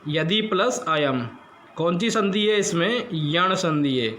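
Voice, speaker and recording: A man's voice: high voice, animated, takes it slowly, a bit bright, slight background noise. A man teaching a lesson, reading a text line by line and translating each word, with questions to the class about grammar.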